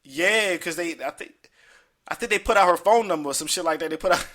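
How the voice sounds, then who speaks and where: A man's voice: high-pitched, fast, sharp tone. A man, hosting a casual podcast chat, talking in profane street slang and telling stories with animation. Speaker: podcast host.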